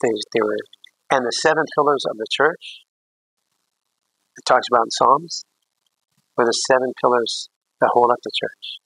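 A man's voice: medium pitch, vocal fry, fairly bright tone, husky, dry recording, rough recording. A man, a priest, teaching a catechism class in a rambling, anecdotal way with jokey asides.

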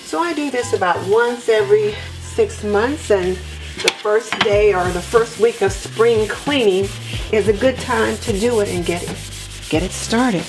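A woman in her home kitchen, walking viewers through cleaning her sink step by step in a relaxed, practical way. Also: medium pitch, unhurried. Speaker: homemaking vlogger. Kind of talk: cleaning tutorial narration. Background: background music.

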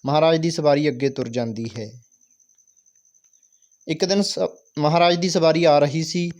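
A man teacher greeting children and reading a school lesson aloud in a plain, steady way. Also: fairly high pitch, moderate pace.

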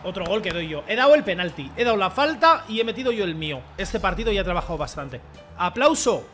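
A young man commentating his own football game. He rants, pleads and shouts at the play, swinging from low mutters to loud yells. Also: sing-song, fast, soft background music. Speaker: gaming streamer. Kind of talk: excited gameplay commentary.

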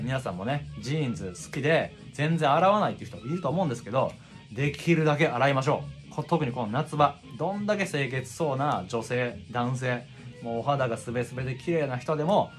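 A man, telling a personal story in a casual, expressive, conversational vlog style. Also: a little high. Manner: expressive, conversational, acts out past reactions. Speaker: video presenter. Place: small indoor room with records and guitars.

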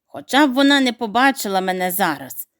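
A woman's voice: medium pitch, very animated, brisk, fairly bright tone, no room sound, studio quality. A woman voicing a sly, hungry female fox who sniffs and plots. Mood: scheming.

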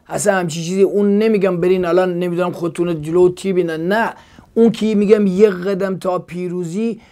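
A man's voice: sits high, a little mellow. A man, a pastor, preaching on a call-in TV show, speaking with passion and firing rhetorical questions at viewers.

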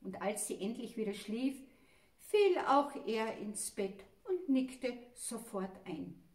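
A woman reading a children's story aloud with lively, expressive delivery. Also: fairly high pitch, slow pace. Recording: roomy, mic at a distance.

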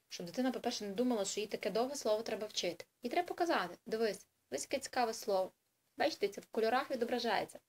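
Woman explaining a lesson. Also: on the high side. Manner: chatty and explanatory, with frequent hesitations and self-corrections. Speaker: English tutor for children. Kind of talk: informal video lesson for parents.

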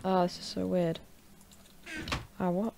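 A woman at her desk at home, casually talking through a product unboxing and gameplay, chatty and offhand, breaking into loud shouts while gaming. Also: fairly low pitch, little pitch movement, unhurried, vocal fry, noisy background. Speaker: tech reviewer and gamer.

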